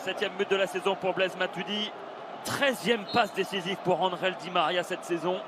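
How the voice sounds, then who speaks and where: A Frenchman giving live football match commentary, building from measured play-by-play to loud, drawn-out goal shouts. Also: sits high, fairly even intonation. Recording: stadium crowd roar, loud background noise. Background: football stadium crowd.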